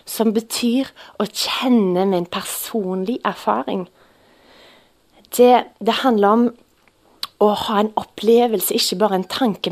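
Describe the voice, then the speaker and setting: A woman's voice: mid-range voice, darkish tone. A woman preaching a sermon, telling a personal testimony in an earnest storytelling way with frequent hesitations.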